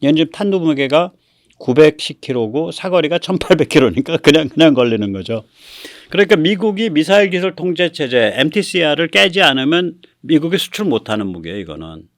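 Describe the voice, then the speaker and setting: A man hosts a casual commentary show about military affairs, lively and folksy, chuckling and acting out quotes. He talks fairly quickly in a voice on the high side, and the studio sound is clean with no echo.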